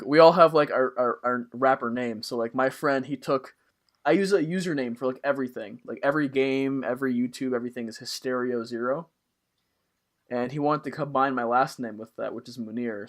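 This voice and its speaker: A young man co-hosting a podcast in casual chat, upbeat and quick to laugh. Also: medium pitch, steady tone. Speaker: podcast co-host.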